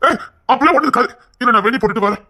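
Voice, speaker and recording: An actor plays a stubborn, controlling husband and anxious father-to-be in an emotional melodrama, using an extremely high-pitched, rapid-fire, full character voice. He is insistent and repetitive, moving between hushed coaxing and agitated scolding.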